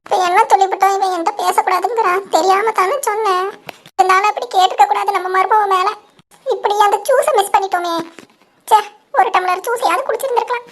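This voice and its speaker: A woman doing a shrill, nagging old cartoon mother-in-law. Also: steady tone, fast talker. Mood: grumbling. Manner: nagging, accusing, calls others "adi". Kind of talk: cartoon voice acting.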